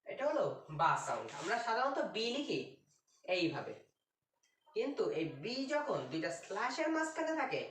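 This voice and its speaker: Woman teaching with a lively voice. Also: a little high. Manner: patient, drawn-out, writing as she talks. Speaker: English pronunciation teacher. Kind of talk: explanatory lesson at a board. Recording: roomy, distant, faint noise.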